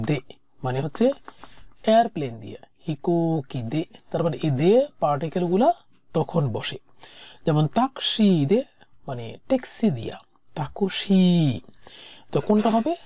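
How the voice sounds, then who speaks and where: A woman teaching a language-exam lesson, saying each word slowly and repeating it before she explains it. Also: fairly low pitch, lively intonation, dark tone, no room sound.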